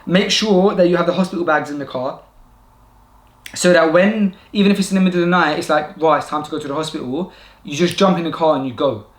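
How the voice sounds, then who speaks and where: Earnest man, higher voice, echoey room. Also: a little fast. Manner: earnest, repeats points for emphasis. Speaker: vlogger giving advice to new fathers. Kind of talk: casual direct-to-camera advice.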